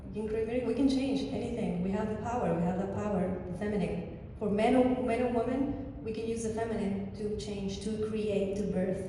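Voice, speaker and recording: A woman from Chile with a Chilean Spanish accent, a native Spanish speaker, talking casually to an audience as a guest artist, animated, with many restarts. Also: mid-range voice, brisk, hardly any pauses. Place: church hall. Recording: distant echoey hall with faint noise.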